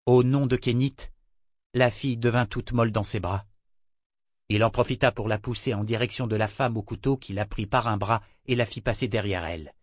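This audiobook narrator is a man with a fairly low pitch, telling the story at a measured, even pace. A close studio mic captures him with no echo.

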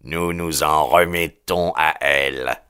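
A man's voice: a bass voice, steady tone, slow, bright, forceful tone, clear, resonant tone, full character voice. A man reading an audiobook, voicing a self-satisfied young heir in a self-assured manner.

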